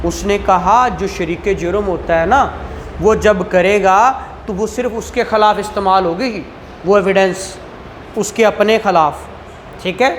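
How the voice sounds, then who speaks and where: In a clearly noisy room recording, a Pakistani-accented woman explains the law to a class, mixing English legal terms with Urdu. She speaks at a measured pace in a medium-pitched voice with fairly even intonation, frequently checking comprehension with brief tag questions.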